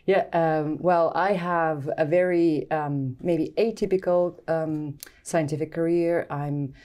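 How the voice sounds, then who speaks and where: A woman from Portugal speaks in a low, warm tone with a Portuguese accent, her first language being Portuguese. She answers interview questions in a thoughtful, halting way, full of ums. She sounds middle-aged. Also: steady tone. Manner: thoughtful, hesitant with frequent ums. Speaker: guest scientist. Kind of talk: podcast interview.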